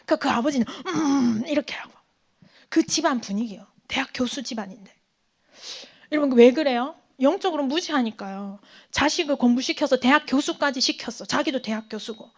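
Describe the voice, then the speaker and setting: High-voiced woman preaching to teens. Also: fairly quick. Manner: asks questions and answers them, with sudden whispered lines. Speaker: youth pastor. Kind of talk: sermon to teenagers. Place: church hall.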